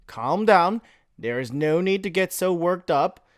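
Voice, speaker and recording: A man voicing a calm, stern man who speaks in a monotone while reading a fanfiction story aloud. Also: high-pitched, unhurried, dry recording, studio quality. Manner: flat, composed.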